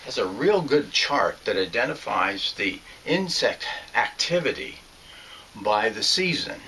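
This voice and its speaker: With a sing-song, unhurried delivery, an older man teaches fly fishing in a fairly low voice that comes across pushed and bright. A little hiss or hum sits under the instructional narration, recorded in a small home room with shelves, where he talks earnestly and plainly with some fillers and restarts.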